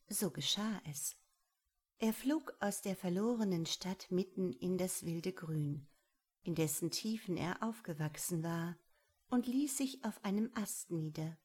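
A woman calmly reading a fable aloud, softly and at times in a near whisper. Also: lowish voice, slightly rough. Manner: calm, soft, sometimes whispered narration. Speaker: storyteller.

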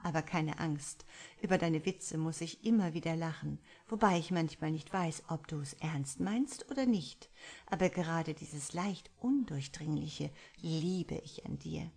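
A woman's voice: sits low, unhurried, darkish tone, breathy edge, exaggerated voice. A woman reading a fond, impatient young woman. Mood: affectionate. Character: affectionate, hungry young woman on a romantic getaway. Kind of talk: audiobook dialogue reading.

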